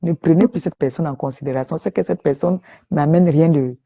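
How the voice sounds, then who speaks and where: Cameroonian woman host, low and husky, opinionated casual chat, dull lo-fi sound. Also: fairly quick, warm tone. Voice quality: deep voice. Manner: emphatic, opinionated storytelling.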